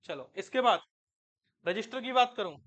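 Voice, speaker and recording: Male teacher, very high pitch, bright forceful tone, classroom lecture, quizzing students then answering himself. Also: animated, moderate pace. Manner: asks students questions and answers them himself; mixes English terms into Hindi.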